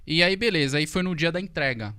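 A man's voice: a little high, quick pace, smooth. A man, a podcast guest telling stories in casual, slangy talk, repeating himself. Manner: slangy, animated, repeats words. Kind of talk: casual storytelling.

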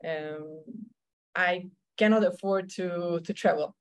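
A woman with a Slovenian accent, a tennis coach, tells her story in conversational interview answers with many fillers and restarts. Her voice is fairly low and slow.

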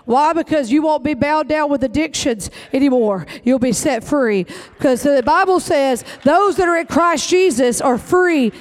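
A man's voice: extremely high pitch, unhurried. A male pastor, preaching an emphatic, folksy sermon.

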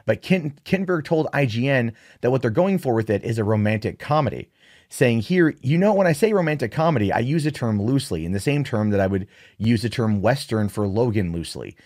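A man giving opinionated solo commentary on movie news, sarcastic and exasperated, with animated rants. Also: medium pitch, fairly quick.

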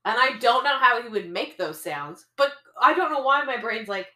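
High, lively woman in echoey room. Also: moderate pace. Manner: animated, laughs often. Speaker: podcast co-host. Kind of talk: casual chat.

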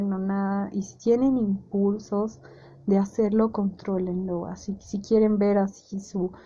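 A young woman talks through advice on her podcast in a gentle, chatty way, slipping into little acted-out inner voices. Her tone is mellow and soft-edged. The recording sounds a little dull and lo-fi. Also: medium pitch. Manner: gentle, conversational, often acts out inner voices. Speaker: podcast host. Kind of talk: casual advice monologue.

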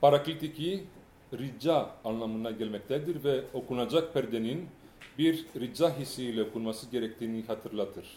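A man giving an academic lecture, partly read aloud, in a measured and halting way with fillers and restarts, in a lecture hall. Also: mid-range voice, dark tone, slight background noise. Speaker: lecturer on music history.

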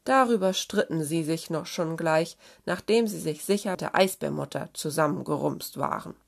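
A woman reading a children's story aloud in a gentle, expressive way. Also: low voice, normal speed, vocal fry.

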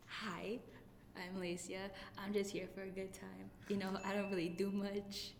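A woman's voice: mid-range voice, little pitch movement, moderate pace, vocal fry. A young woman co-hosting a podcast in offhand, playful casual chat, recorded in an echoey study room. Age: young adult. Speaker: podcast co-host. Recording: echoey room with background noise.

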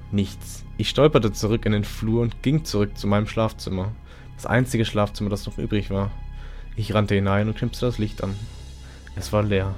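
A man reading a first-person horror story aloud for a podcast, in an even, low-key storytelling manner. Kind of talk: scripted horror narration.

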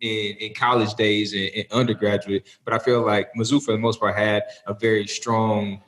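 A man's voice: fairly low pitch, little pitch movement, moderate pace, fairly bright tone. An American man with a polished broadcast-style voice, chatting casually on a podcast and telling stories in a talkative, wandering way. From St. Louis, United States. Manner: talkative, storytelling with tangents. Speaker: podcast guest. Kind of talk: casual conversational podcast chat. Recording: roomy, echoing sound.

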